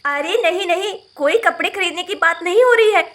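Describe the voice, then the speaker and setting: Greedy bossy in-law, scornful, high bright voice, a woman doing it. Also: fairly quick. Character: greedy, haughty older sister-in-law demanding dowry.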